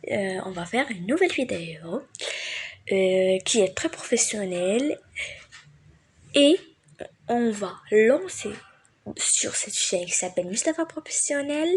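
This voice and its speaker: A woman's voice: medium pitch, slight background noise. A woman hosting her channel and explaining a grammar lesson, hesitant, with many fillers and restarts, sometimes dropping to a near whisper. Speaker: teacher, channel host.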